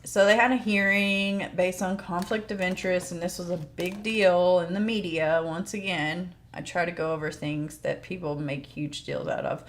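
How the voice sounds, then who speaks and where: A woman's voice: lowish voice, steady tone, moderate pace, hardly any pauses, slight background noise. A woman giving informal, plain-spoken commentary as she explains court news like a true crime host.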